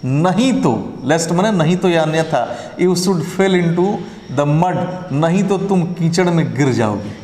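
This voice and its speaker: A male English teacher going through exam answers step by step, mixing Hindi and English and often asking if it is clear. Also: fairly high pitch, animated, darkish tone. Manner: speaks slowly and deliberately, dictating; switches between Hindi and English. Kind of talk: exam prep lesson explaining grammar answers. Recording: echoey room with long reverb.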